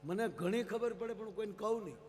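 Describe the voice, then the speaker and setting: A man telling humorous stories to a big live audience, acting out quick exchanges between characters. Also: sits high, long reverb tail. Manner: lively storyteller, quick character exchanges, addresses audience as sir. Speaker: folk comedian on stage. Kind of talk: live stage humor storytelling. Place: large stage event.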